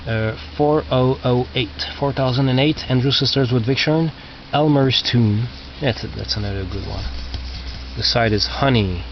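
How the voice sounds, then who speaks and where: A non-native English speaker with a medium-pitched voice casually shows off his record collection, halting and muttering as he reads the labels aloud. It's captured on a cheap video camera mic, so the sound is muffled with loud noise.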